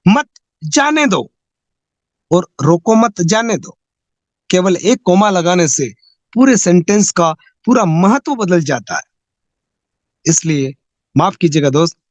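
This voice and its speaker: A man with a high-pitched voice gives a motivational talk, piling up rhetorical questions in a preachy, pleading tone. The recording is dry and close, with no room sound. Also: no echo, dull audio. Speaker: network marketing motivational speaker. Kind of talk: motivational speech.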